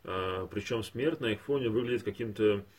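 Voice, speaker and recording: A podcast co-host with a low-leaning, slightly rough male voice speaks at a moderate pace in a casual discussion of animated films. He sounds hesitant, searching for words as he goes.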